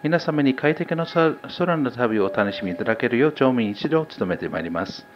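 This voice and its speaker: A man working as a flight attendant, reading a formal announcement over an airliner's cabin loudspeaker, with small slips. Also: medium pitch, animated, very fast. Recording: muffled PA with faint cabin hum.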